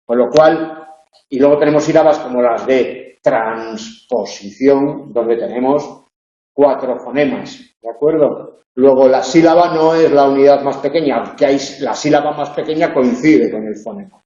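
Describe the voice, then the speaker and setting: A man's voice: mid-range voice, moderate pace, dark tone. A man teaching a university phonology tutorial in a classroom, explaining step by step with frequent "eh" and tag questions. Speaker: university lecturer. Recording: echoey room, dull lo-fi sound.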